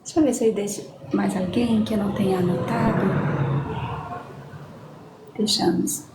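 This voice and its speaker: A woman's voice: mid-range voice, steady tone. A woman leading a prayer session, affectionately reading out names and prayer requests, often adding "amém" and "né". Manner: affectionate, reads out names slowly, frequent amém and né. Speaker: church leader taking prayer requests. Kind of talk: live-stream prayer session. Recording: echoey room with ambient noise.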